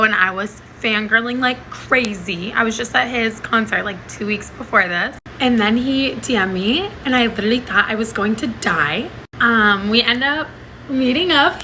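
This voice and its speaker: Woman, young adult, excited, gushing, bright tone, faint hiss. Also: on the high side, poor audio. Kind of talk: casual storytelling.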